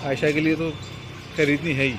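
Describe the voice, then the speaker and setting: A young man with a western Uttar Pradesh Hindi-Urdu accent coaxes his toddler in a soft, playful way, and his voice sits fairly high. Street noise comes through loudly on this outdoor phone recording. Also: level tone, moderate pace. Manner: coaxing, gentle, playful with a small child. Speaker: vlogger and father. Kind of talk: casual vlog, talking to his toddler.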